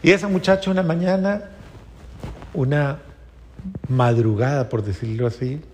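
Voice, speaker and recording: A man preaching a homily at mass, telling a story that rises to loud emphatic peaks and drops to soft, low phrases. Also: normal speed, a little hiss or hum. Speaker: priest. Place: church.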